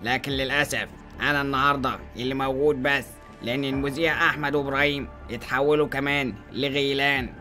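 A man's voice: medium pitch, pushed and bright, close to an everyday voice. A man voicing a solemn TV news anchor with an Egyptian accent, announcing formally. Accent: Egyptian Arabic.

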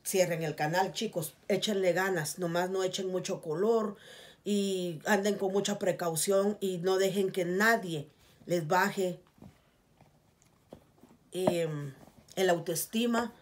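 A woman's voice: lowish voice, fairly even intonation, takes it slowly. A middle-aged woman from Guatemala with a Guatemalan accent, earnestly pleading with her viewers in a casual vlog, recorded in a small room with the camera in front of her. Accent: Guatemalan Spanish. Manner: earnest, pleading, repeats "please, guys". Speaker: vlogger. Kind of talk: casual heartfelt appeal to viewers. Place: small indoor room with curtains.

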